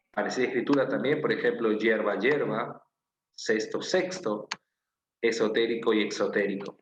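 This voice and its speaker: With a medium-pitched voice and a Peruvian Spanish accent, a man leads an online lesson, explaining patiently, going over key phrases again, and checking in with students. The recording feels roomy and slightly dull, carrying faint noise.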